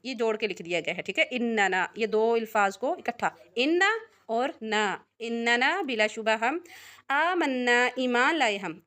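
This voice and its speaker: A woman with a somewhat high voice teaches a word-by-word translation lesson. She explains each word slowly and patiently, often stopping to check that her listeners follow. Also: fairly bright tone. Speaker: Quran teacher.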